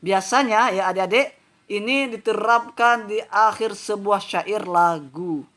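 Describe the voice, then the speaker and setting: A man's voice: high-pitched, a little slow, fairly bright tone. A man teaching a vocal music lesson to pupils, chatty and peppering his talk with little fillers. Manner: chatty, fills with "nah" and "ya". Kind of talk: online class lesson.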